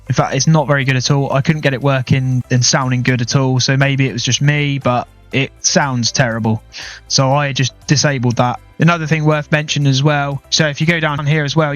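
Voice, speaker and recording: A man's voice: mid-range voice, fairly bright tone, highs cut off. A man casually reviewing gaming headsets, talking plainly and chattily into a headset mic at his home desk. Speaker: tech reviewer.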